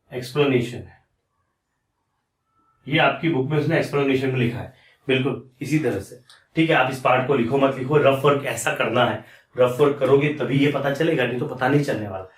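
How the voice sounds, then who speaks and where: A man's voice: mid-range voice, far from the mic. Man teaching maths in an echoey room. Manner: repeats steps, asks and answers his own questions. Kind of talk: explaining step by step on a board.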